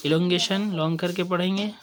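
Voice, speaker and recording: A male Quran reading teacher explaining a lesson on screen, drilling syllables slowly and deliberately and mixing in English terms. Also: high voice, steady tone.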